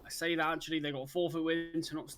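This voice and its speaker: Relaxed male color commentator. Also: fairly high pitch, fast talker. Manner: relaxed, casual, self-correcting. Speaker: esports co-caster.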